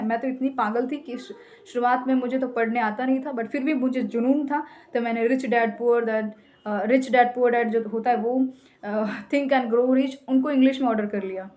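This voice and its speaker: A woman's voice: on the high side, steady tone, moderate pace, darkish tone. A young Indian woman giving emphatic, repetitive tips to English learners, mixing Hindi and English. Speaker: English teacher. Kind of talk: casual tutorial talk.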